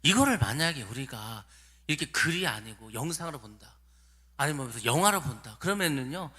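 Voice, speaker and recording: Male pastor, sermon delivery, high bright voice, dramatic shifts from loud to hushed. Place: church sanctuary.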